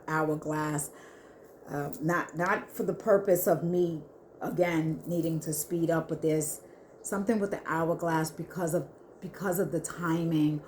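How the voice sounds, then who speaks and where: A woman giving an earnest spiritual reading to her viewers, talking haltingly with many restarts. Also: low voice, darkish tone, a little hiss or hum. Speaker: spiritual reader. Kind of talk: intuitive spiritual reading to camera.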